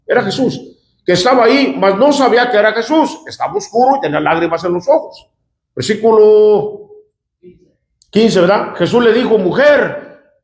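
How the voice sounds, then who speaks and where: Male pastor, conversational sermon with call-and-response asides, slightly high voice, echoey church sound. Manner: conversational, often asks the congregation "¿verdad?" and "¿cuántos dicen amén?". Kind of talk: sermon reading scripture aloud with commentary.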